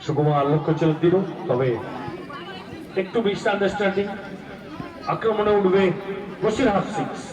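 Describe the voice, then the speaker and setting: Male play-by-play football commentator, voice a bit high, picked up from afar with a crowd behind. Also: expressive, a little fast. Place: outdoors at a football ground. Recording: echoey, distant mic, crowd noise. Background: crowd noise.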